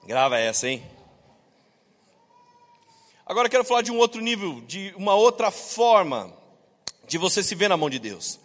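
A man's voice: sits high, very animated, normal speed, pauses often, a bit bright, in a large hall. A man preaching a sermon to his congregation, telling stories and acting out the voices of the people in them, with jokes along the way. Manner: storytelling, acts out quoted voices. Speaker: pastor. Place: church.

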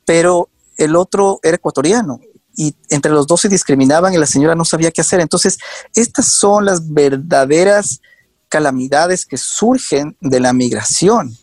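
A man's voice: a little high, normal speed, a little mellow, no room sound. Man telling stories, dry close sound. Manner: earnest, frequent hesitations and restarts. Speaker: guest, documentary show maker. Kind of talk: conversational storytelling.

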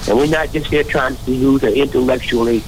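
A man's voice: medium pitch, fairly even intonation, a little fast. Older man, caller, phone line, earnest, rambling, faint hiss. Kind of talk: casual radio call-in. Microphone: phone call.

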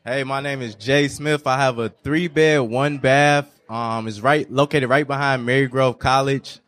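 A man pitching a fix-and-flip property at an investors' meeting, halting and correcting himself. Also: fairly even intonation, fairly bright tone. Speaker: real estate seller pitching a property.

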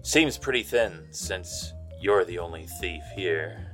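Casting: wisecracking, world-weary gumshoe for noir audio drama, deep and unhurried. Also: male voice, fairly bright tone, faint music behind. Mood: sardonic. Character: brooding, wisecracking hardboiled private eye.

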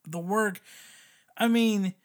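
A man in a casual podcast chat, animated and chatty, filling his talk with "like". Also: sits high, takes it slowly.

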